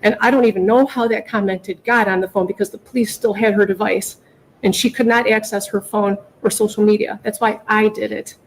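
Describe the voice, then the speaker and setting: A middle-aged mother pleads emotionally with a judge for her daughter, unscripted, emphatic, and often repeating herself. Her medium-pitched voice is steady in tone and fairly quick, on a low-quality recording with a little hiss or hum.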